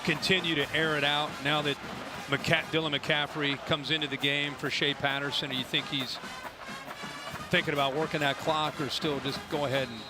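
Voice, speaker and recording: Fairly high-voiced male football analyst. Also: level tone, moderate pace, music in the background. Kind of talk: conversational live sports commentary.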